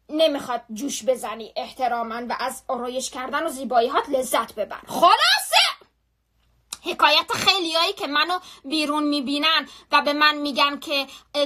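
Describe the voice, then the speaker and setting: High, bright-voiced young woman live streaming. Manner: animated, chatty, full of slang and repetition. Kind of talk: casual storytelling on a live stream.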